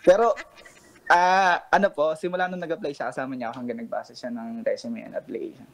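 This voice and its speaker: On a late-night radio show, a Pampanga man in his 20s politely and calmly describes a confrontation he had, repeating others' words. His voice is slightly high and fast; the audio is poor, with slight background noise.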